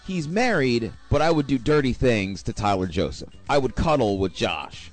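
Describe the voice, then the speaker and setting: A man's voice: mid-range voice, animated, normal speed, faint music behind, natural voice. A man voicing a blunt, oversharing teenage girl in a close-to-normal voice with little change.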